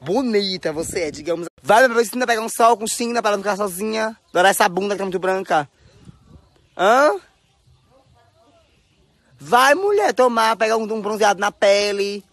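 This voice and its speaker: Man, high pitch, playful teasing vlog host. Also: lively intonation, fairly quick, long pauses, fairly bright tone, dry recording. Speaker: vlogger. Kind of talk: casual teasing chat. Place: rural home yard, doing laundry.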